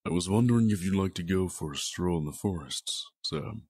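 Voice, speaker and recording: Brief: a deep, gravelly, husky-voiced brother, earnest and placating, in a dry audio drama. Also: male voice, lively intonation, brisk, darkish tone, no room sound, heavily acted. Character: Khan, a remorseful man, brother of Logic.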